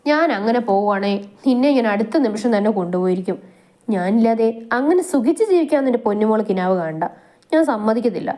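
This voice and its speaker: A man's voice: sits high, animated, fast, darkish tone. A woman voicing a devoted young husband who murmurs playful teasing at his wife in a storybook reading. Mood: protective.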